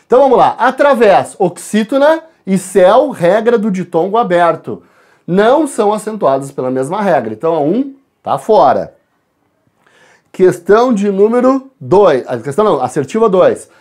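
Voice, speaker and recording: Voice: mid-range voice, sing-song, darkish tone. A Portuguese teacher with a Brazilian accent goes over exam questions for a class, talks to the students directly, and spells out letters and sounds aloud. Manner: shifts between quick asides and slow stressed words. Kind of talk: recorded exam-correction class.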